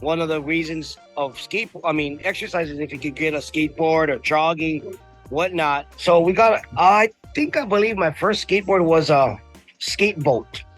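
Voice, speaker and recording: A man's voice: on the high side, normal speed, fairly bright tone, soft background music. A man from Hawaii, a custom painter and tattoo artist, telling his story as a guest in a casual interview. He talks in a laid-back, slangy way, with lots of fillers as he drifts from one point to the next.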